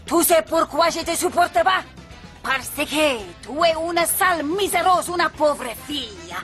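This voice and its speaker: A haughty rich businesswoman sneers with a fake Spanish accent, as a woman puts her on for fun. Her voice sits very high even when she drops into lower, slower scorn. Faint music plays behind. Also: heavily acted. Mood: scornful.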